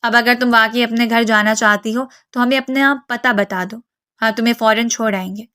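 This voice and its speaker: A woman reading the lines of a gentle, protective young man who speaks softly and pleads. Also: a little high, fairly even intonation, clear, resonant tone, no echo, studio quality.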